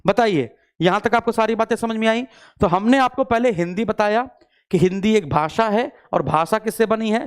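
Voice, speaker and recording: A man's voice: high-pitched, smooth. Male teacher quizzing his class. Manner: repetitive call-and-response questioning; mixes English words into speech. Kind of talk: online exam-prep lecture.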